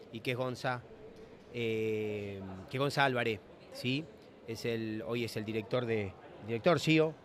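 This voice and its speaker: A man hosting a casual interview, talking loosely with many restarts. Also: mid-range voice. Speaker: host. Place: trade fair floor.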